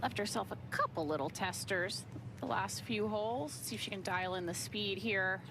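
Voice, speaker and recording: A woman with a mid-pitched voice offers short analytical golf commentary. Clear ambient noise from outdoors is heard behind her. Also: normal speed.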